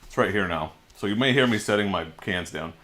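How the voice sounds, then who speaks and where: A livestream host in his 40s chats casually from his home garage, reading viewer comments aloud into a desk microphone and answering them. His voice is fairly low and sharp in tone, with lively intonation and a brisk pace.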